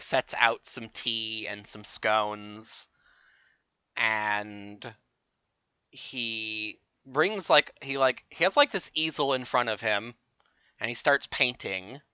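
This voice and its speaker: A man's voice: lowish voice, sharp tone, clean tone, no echo. A man narrating a tabletop game as game master in a laid-back way.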